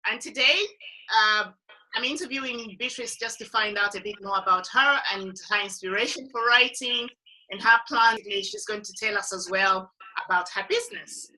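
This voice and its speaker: A woman's voice: mid-range voice, normal speed, sharp tone, rough recording. A woman hosting an interview, asking friendly, encouraging questions. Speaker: interviewer and host.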